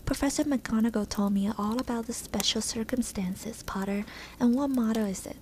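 Squeaky little old professor, whispered by a woman. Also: moderate pace, a little mellow, slight background noise, natural voice. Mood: cheery. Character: squeaky tiny cheerful old male professor. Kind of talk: whispered role-play.

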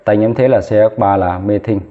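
A man's voice: lowish voice, steady tone, fairly quick. A man teaching chemistry, talking as he writes, counting aloud and correcting himself along the way. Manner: talks while writing, counts aloud, corrects himself mid-step. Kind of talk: lesson at a whiteboard. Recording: tinny phone-like audio.

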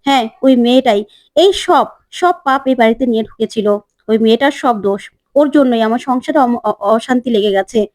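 A woman's voice: on the high side, fairly quick, a little mellow, dry recording, clean studio sound, lightly acted. A woman voicing an angry, domineering older mother-in-law while retelling a serial episode, indignant and scolding. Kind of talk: serial recap storytelling.

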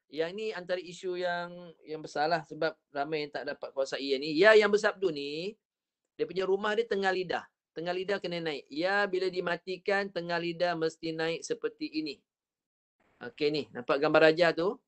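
Malaysian guy teaching quran reading online, fairly high voice, repeats every sound for the class. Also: a bit bright. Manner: patient, models sounds slowly and repeats them. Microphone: online video call.

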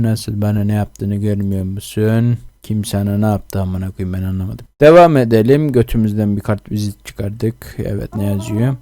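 A young man playing a game and reading its subtitles aloud, swearing a lot and jumping from loud surprised outbursts to low muttering. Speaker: gaming YouTuber. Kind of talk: casual let's-play commentary, reading game subtitles aloud.

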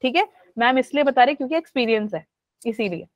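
A woman's voice: high-pitched, animated, quick pace, no echo. A woman teacher leading a live online class, chatty and coaxing, mixing English into her talk. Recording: dull lo-fi online audio.

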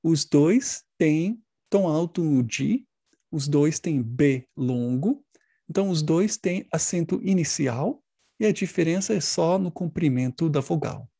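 A man giving an academic conference presentation, explaining in a measured way with frequent hesitation fillers. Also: on the high side, animated, vocal fry, mellow, slightly rough, dry recording, clean studio sound. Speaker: linguistics researcher presenting.

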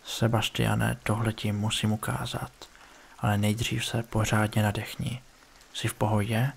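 A man's voice: lowish voice, little pitch movement, gravelly, slightly rough. A man voicing a frightened young male friend in a horror story, speaking in anxious, urgent pleas.

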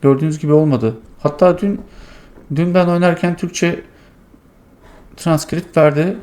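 A man hosting his tech channel, casually walking through a software demo and thinking aloud with many fillers. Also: a little high, fairly even intonation, measured pace.

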